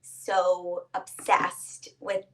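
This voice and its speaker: A woman's voice: fairly low pitch, completely flat delivery, far from the mic. Woman explaining etiquette, set back from the mic. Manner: measured, explanatory, speaks with her hands. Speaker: etiquette instructor, guest. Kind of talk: conversational interview.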